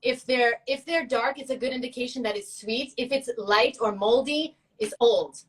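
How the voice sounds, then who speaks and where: A woman's voice: fairly high pitch, moderate pace, recorded from a distance, poor audio. A woman co-hosting a casual chat, talking in a chatty, playful way with laughing asides. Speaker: co-host.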